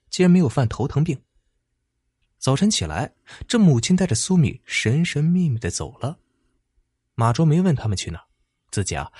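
A male storyteller narrates with dramatic flair, drawing out small particles between phrases. His voice is husky and fairly low, with wide, lively pitch. The recording is dry and close. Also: no echo.

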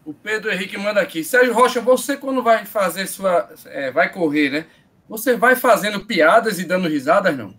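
A man's voice: sits high, animated, a little fast, fairly bright tone. A man with a Brazilian Portuguese accent hosting a casual live show, addressing people in chummy slang. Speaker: host of a running live stream.

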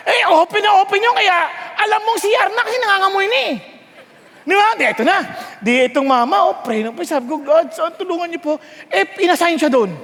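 Man preaching, storytelling sermon, swings soft to loud, mixes in English, very high pitch, echoing hall. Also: fairly quick. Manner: storytelling, swings from hushed to shouting; mixes English phrases into the talk. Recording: long hall reverb.

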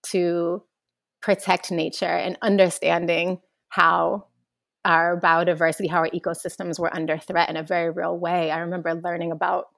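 A young adult woman answering an interview question, speaking earnestly in long, flowing thoughts that grow lively when she recalls childhood. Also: lowish voice, moderate pace, creaky, dry recording, studio quality. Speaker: guest, organizer.

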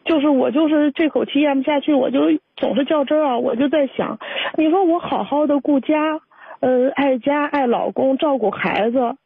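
A woman's voice: high-pitched, moderate pace, vocal fry, dry recording. A woman calling in to an advice show, talking in a rambling, hesitant, aggrieved way. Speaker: caller. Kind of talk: call-in confession. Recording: dry tinny phone line.

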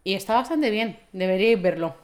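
A woman's voice: medium pitch, animated, fairly quick. A woman from co-hosting a podcast, teasing and joking in casual chat. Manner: playful, teasing. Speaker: podcast co-host.

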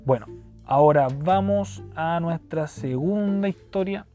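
A man's voice: on the high side, measured pace, warm tone, faint music behind. A young man in his twenties with a Chilean accent, telling funny personal stories on a podcast in a slangy, rambling, joking way. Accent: Chilean Spanish. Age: 20s. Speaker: podcast host. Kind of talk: casual storytelling podcast.

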